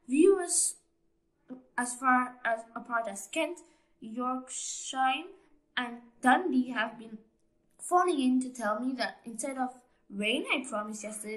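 A woman voicing a chatty male TV weatherman in a storybook reading, bright and breezy. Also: a little high, rough recording. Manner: breezy, chatty forecast delivery.

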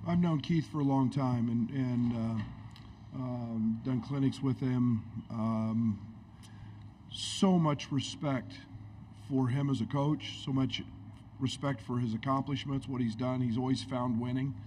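A middle-aged man, a head basketball coach, answering questions at a postgame press conference in a halting, reflective way, speaking into a table microphone indoors. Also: medium pitch, fairly even intonation, mellow, slight background noise. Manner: halting, reflective, many restarts. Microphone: table microphone on stand.

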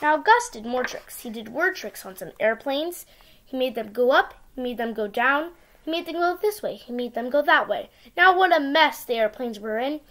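A woman reading a picture book aloud to young children with simple, expressive storytelling, recorded in a small room on a device mic. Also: high-pitched, normal speed. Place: small indoor room with bookshelves.

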